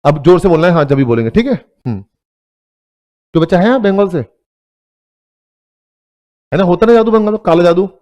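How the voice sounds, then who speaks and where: Speaking fairly quickly with frequent pauses, a man whose voice sits high and is a little mellow teaches an accounts class in an Indian accent. In this lecture he blends Hindi with English, jokes around with his students and addresses them as "beta".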